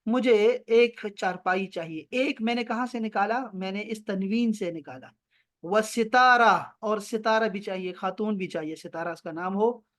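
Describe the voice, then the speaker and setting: A man teaching Arabic in an online class over a video call, drawing out the Arabic phrases slowly and explaining them briskly, often teasing his students. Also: high voice, a bit bright. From Pakistan. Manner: slow drawn-out Arabic examples, brisk explanations.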